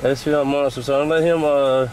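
A man's voice: medium pitch, level tone, quick pace, darkish tone, a little hiss or hum, rough recording. A man hosting a casual car audio vlog, chatting easily with a fan at his truck. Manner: laid-back, says "man" a lot. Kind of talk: casual chat.

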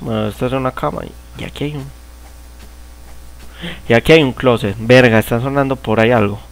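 Over game music, a young Paisa-accented Colombian man curses and grumbles through a horror game in a fairly quick, mid-range voice with vocal fry. It's angry let's-play commentary, mixing shrieks and laughter in mock panic.

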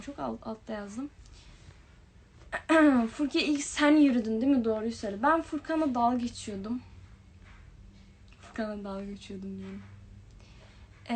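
A young woman talks casually into a webcam, reading out viewer comments and replying to each one. Her voice sits a little high, and a faint hum of room noise runs under the stream. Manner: chatty, reads comments aloud then answers them. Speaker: livestream host. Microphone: phone or webcam livestream.

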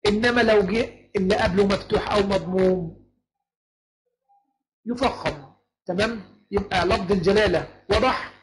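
Egyptian man teaching Quran recitation rules. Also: high-pitched. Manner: keeps asking the class if things are clear, chants verse lines slowly. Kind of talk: online tajweed lecture. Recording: noisy online lecture recording.

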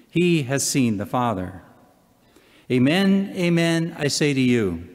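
Older deacon in a reverberant church. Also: male voice, medium pitch. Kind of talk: scripture reading and homily. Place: large church, at the lectern. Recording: long church hall reverb.

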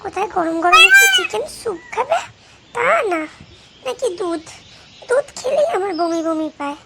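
A woman's voice: very high voice, big pitch swings, moderate pace, background noise, exaggerated voice. A whiny cheeky little girl. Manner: whining, sulky muttering, fake crying. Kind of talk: Bengali cartoon voice acting. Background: background music.

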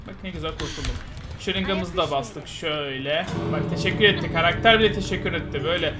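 A young man giving playful, casual commentary while playing a game, muttering one moment and shouting excitedly the next. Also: a little high. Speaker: gaming streamer. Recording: game music behind the voice.

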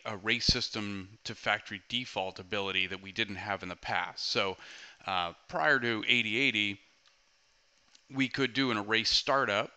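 A man explaining a network feature in a relaxed, conversational tutorial voice-over, with frequent filler words. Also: lowish voice, clear, resonant tone. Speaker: product trainer. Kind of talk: screen-recorded tech tutorial voice-over.

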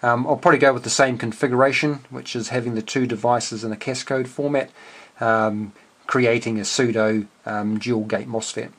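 A middle-aged amateur radio hobbyist and video host sits at a cluttered desk workbench in a small indoor room, casually explaining a hobby project without a script. He thinks aloud in a hesitant, understated way, his medium-pitched voice moving at a moderate pace with fairly even intonation.

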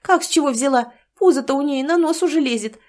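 A woman reader voicing a loud, nosy, quick-tempered village woman who talks shrilly and fast. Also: close to an everyday voice. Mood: excited. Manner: shrill and rapid.

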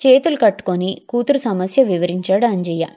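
A woman narrates a storybook in a steady, measured way at a mid pitch. The sound is muffled and lo-fi. Faint music plays underneath. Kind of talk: scripted audiobook narration.

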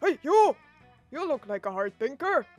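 A woman doing a shrill, pushy teen monster. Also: sing-song, moderate pace, faint music behind. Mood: eager. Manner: loud, eager calling out.

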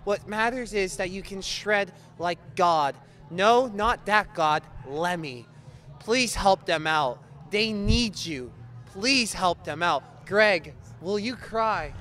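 High, bright-voiced joking male host. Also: expressive, slow, faint music behind. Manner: goofy, teasing, fake-ad pitch. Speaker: interview host. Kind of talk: casual joking interview. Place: outdoors by a street.

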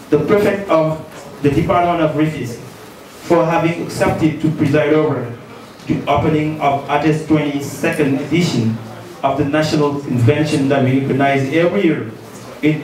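A Senegalese man who is an association president reads a formal welcome speech aloud in a measured, ceremonious manner. His voice is fairly high with a darkish tone. He uses a handheld mic but is filmed from a distance in an echoey hall, with faint noise in the background.

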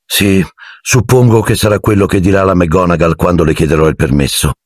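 A man's voice: low-pitched, fairly even intonation, a little fast, no room sound, clean studio sound. Man voicing Harry, a glum teen wizard. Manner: glum, bitter. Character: gloomy teenage schoolboy wizard.

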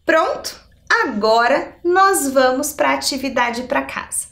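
In an indoor TV lesson studio, a middle-aged adult education maths teacher from Brazil walks viewers through a lesson step by step, didactic and frequently asking rhetorical questions. Her high, animated, fairly bright voice is slow and creaky. The distant mic gives a roomy echo.

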